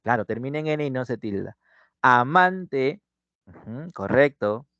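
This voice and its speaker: Speaking at a medium pitch with lively intonation and a fairly bright tone, this man leads an online language lesson in a Peruvian Spanish accent. His delivery is drawn out like a teacher's, and he checks on his students with "¿no?" and "ujú". The sound is muffled and dull, captured dry on a close mic with no echo.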